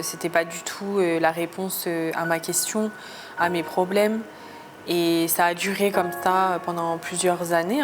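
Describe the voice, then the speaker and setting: A woman from France giving a personal testimony in a confessional storytelling style, hesitant and searching for her words. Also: fairly low pitch. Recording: music behind the voice. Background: clearly audible music.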